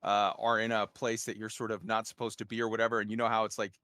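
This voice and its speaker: A man hosting a live casual gaming roundtable, talking in an animated way and acting out quotes. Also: fairly low pitch, quick pace, smooth, no room sound, clean studio sound. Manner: animated, acts out quotes when telling tips. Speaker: host of a game roundtable. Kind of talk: live casual panel chat.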